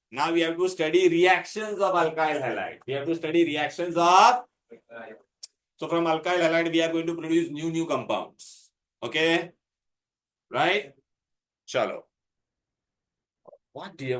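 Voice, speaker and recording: A man's voice: a little high, a little slow, pauses often, fairly bright tone. A man with an Indian accent teaching a chemistry class, insistently repeating himself, questioning students and mixing Hindi into his English. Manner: mixes Hindi words into English.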